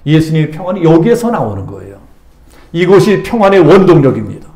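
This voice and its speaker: A man's voice: on the high side, warm tone. A male senior pastor preaching a Sunday sermon with emphatic delivery, putting rhetorical questions to the congregation. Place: church sanctuary. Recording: echoey church sanctuary.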